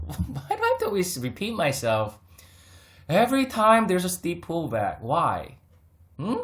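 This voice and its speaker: A lively man hosts his own market talk, speaking straight to viewers as if they were friends. He laughs often and mocks others as he goes. His voice sits a little on the high side. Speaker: market commentary host. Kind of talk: casual unscripted market talk to camera.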